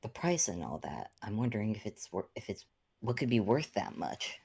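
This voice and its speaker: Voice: mid-range voice, big pitch swings, normal speed, gravelly, darkish tone, breathy edge, no echo. Laid-back tabletop game player. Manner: laid-back, hesitant, thinking aloud. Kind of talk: casual tabletop game play.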